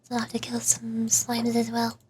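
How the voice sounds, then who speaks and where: A female streamer and virtual YouTuber plays a video game while chatting casually to herself over game music. Her voice is on the high side, monotone and slightly mellow, at a normal speed.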